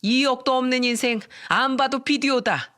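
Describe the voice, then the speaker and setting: A woman voicing an arrogant, contemptuous middle-aged future mother-in-law who belittles and yells, in a narrated story. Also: sits high, normal speed, pitched above the performer's own voice. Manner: scornful, yelling, belittling.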